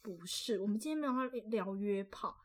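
A young woman, co-hosting a casual podcast and telling stories in an animated, playfully boastful way. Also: medium pitch, brisk. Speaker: podcast co-host. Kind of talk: casual chat, storytelling.

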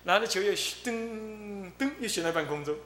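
A man's voice: high voice, moderate pace, a bit bright. A male abbot from Taiwan, telling a story in a Buddhist dharma talk and acting out its characters. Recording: echoey room, faint hum.

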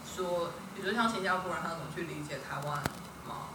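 A woman hosting a podcast, asking questions in a relaxed, encouraging manner. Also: fairly low pitch, fast talker. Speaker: podcast host. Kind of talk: casual interview chat. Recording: roomy, distant mic with noticeable noise.

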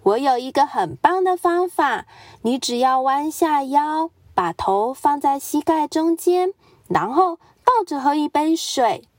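A woman's voice: high voice, expressive, a little slow, darkish tone, dry recording, studio quality, pitched above the performer's own voice. A woman voicing a cheerful lady pig who speaks in a bubbly, inviting way.

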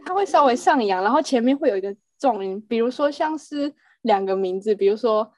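A woman's voice: a little high, animated, a little fast. A woman co-hosting a podcast, explaining things thoughtfully in casual chat. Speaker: podcast co-host.

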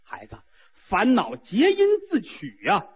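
Haughty old immortal woman, slow and scolding, voiced by a male storyteller; husky, tinny radio sound. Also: high-pitched, wildly swooping pitch, heavily acted. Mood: stern. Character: elderly female Taoist immortal, stern and haughty.

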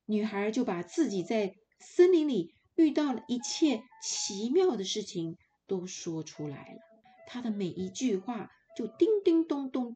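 Woman storyteller for a kids' podcast, slow and mellow, very expressive. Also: fairly high pitch. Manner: expressive, playful, addressing children. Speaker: children's storyteller. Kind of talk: children's story narration.

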